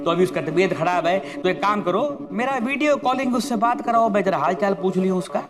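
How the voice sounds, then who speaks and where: An actor playing a suspicious, sly office boss in a sitcom, drawling sarcastically and mixing in English. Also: male voice, high-pitched, lively intonation, a little fast. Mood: sly, coaxing. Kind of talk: sitcom acting.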